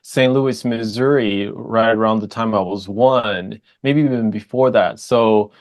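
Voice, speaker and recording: A man's voice: lowish voice, a little slow. A man born in Japan and raised partly in the United States, chatting as an interview guest in a loose, rambling way with many restarts. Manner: rambling, many restarts and fillers, laughs easily. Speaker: guest musician. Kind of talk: casual interview answers.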